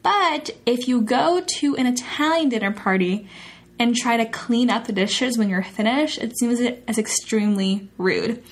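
Breathy woman teaching Italian phrases. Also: a little high. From United States. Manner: repeats Italian phrases slowly and clearly, chatty asides. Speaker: podcast host and Italian teacher. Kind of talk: podcast language lesson.

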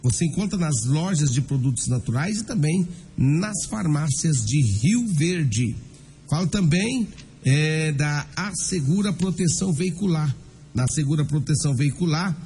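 Over a music bed, this Brazilian radio crime-news host mixes informal news commentary with live-read ads, talking directly to his audience. His slightly high voice is animated and mellow, moving at a somewhat slow pace.

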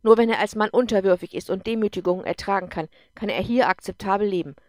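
A woman voicing a drunk, bitter man who talks loudly and with contempt, in an audiobook. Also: medium pitch, fast, no echo, studio quality, natural voice. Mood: angry. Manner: loud, contemptuous, pushing. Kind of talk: audiobook character voice.

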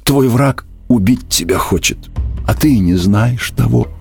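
A man's voice: medium pitch, lively intonation, a little slow, creaky, darkish tone, faint music behind, voice pushed up. A man voicing a sly, scheming female fox who whines and pleads in a storybook tale. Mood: whining, sly. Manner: whining, plaintive pleading.

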